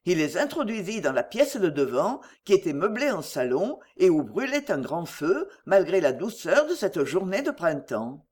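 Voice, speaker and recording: A narrator reading a novel aloud in a measured, expressive storytelling voice. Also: mid-range voice.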